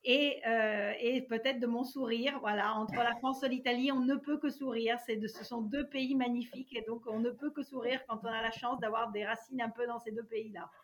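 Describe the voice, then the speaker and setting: A woman's voice: fairly high pitch, fairly even intonation, moderate pace, few pauses. A woman from Italy whose first language is Italian, answering interview questions reflectively with many fillers. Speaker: guest. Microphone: remote call.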